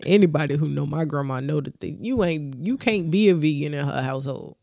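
A man's voice: fairly high pitch, fairly quick, gravelly, dark tone, dry recording. A man co-hosting a casual podcast who teases his co-host and laughs often. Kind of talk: casual chat.

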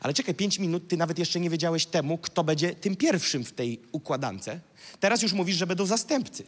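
A man's voice: fairly high pitch, animated, a little fast, slightly rough. A man preaching a sermon as pastor, dramatic and vivid, now and then acting out mocking voices. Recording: church hall reverb.

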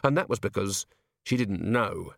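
A man reading an audiobook as its narrator in measured storytelling. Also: fairly low pitch, animated, creaky, dry recording, studio quality. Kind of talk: scripted narration.

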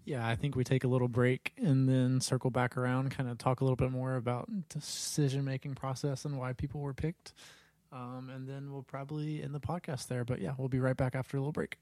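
A man's voice: mid-range voice, flat delivery, a little fast, darkish tone, no echo. Upbeat young male podcast host. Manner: upbeat, wraps up segments. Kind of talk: casual chat.

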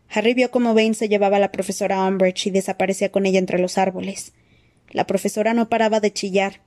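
A woman reading a fantasy novel aloud with dramatic, expressive storytelling. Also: medium pitch. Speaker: audiobook reader. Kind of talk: expressive audiobook narration.

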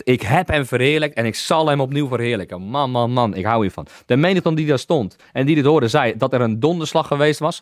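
A man's voice: medium pitch, no room sound, clean studio sound. A man preaching an exuberant teaching sermon, often calling out halleluja and slipping in English phrases.

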